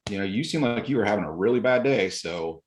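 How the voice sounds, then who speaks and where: A man telling stories in a relaxed podcast chat, acting out quoted exchanges with bursts of energy. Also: lowish voice, quick pace, a little hiss or hum. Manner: animated retelling, acts out quotes, occasional laughs. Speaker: podcast guest. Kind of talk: casual storytelling.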